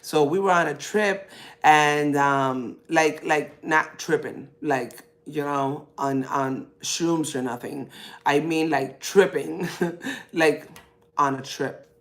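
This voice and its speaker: A woman's voice: low voice, slow pace. Chatty woman telling a story. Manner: chatty, animated, acts out quoted voices. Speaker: podcast host. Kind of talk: casual storytelling.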